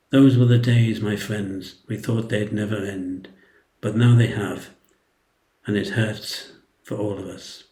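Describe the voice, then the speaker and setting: An older man with an English accent reading a prepared eulogy in a tender, solemn and measured way. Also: lowish voice, darkish tone. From England. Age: older, 60s or above. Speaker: brother giving a eulogy. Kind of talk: prepared eulogy, read aloud. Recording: echoey room.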